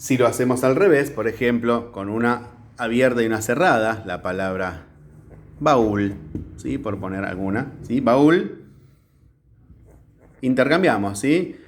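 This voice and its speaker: A man's voice: mid-range voice, measured pace, pauses often, slight background noise. A male teacher explaining a grammar lesson at a whiteboard step by step, often checking in with the class.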